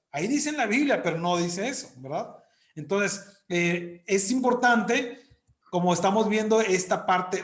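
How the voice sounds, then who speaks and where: A man's voice: sits high, echoey room. A man teaching a Bible class to a congregation in a conversational way, often asking his listeners questions. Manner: conversational, asks the congregation questions, frequent "¿verdad?". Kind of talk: church Bible class lesson.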